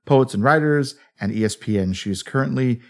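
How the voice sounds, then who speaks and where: A man's voice: mid-range voice, fairly quick. A man hosting a podcast from an office, chatting playfully with lots of laughs and restarts, then reading a guest's bio. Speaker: podcast host. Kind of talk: casual chat and reading a bio. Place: office in a house.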